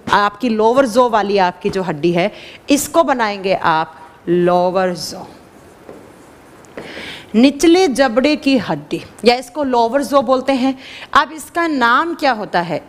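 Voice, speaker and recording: Lively high-voiced woman teacher, reverberant. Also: slow pace. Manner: animated, addresses students as children, asks and answers her own questions. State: dry throat. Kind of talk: classroom lecture.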